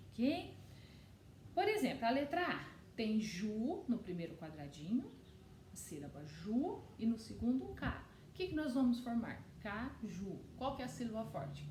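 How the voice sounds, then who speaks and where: A fairly high-voiced woman teaches young children, patient and explanatory, checking in with them as she goes. The recording sounds roomy and echoey, with a faint hiss underneath. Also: darkish tone. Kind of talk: online class lesson.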